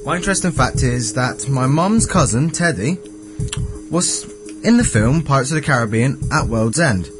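A male teenager chats as a radio contestant. His pitch moves around a lot and music plays loudly behind him. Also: lively intonation, moderate pace. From Weymouth, England. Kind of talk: casual anecdote.

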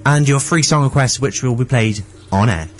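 A man's voice: medium pitch, normal speed, background noise. A young man presenting a radio show in a casual, chatty style as co-host.

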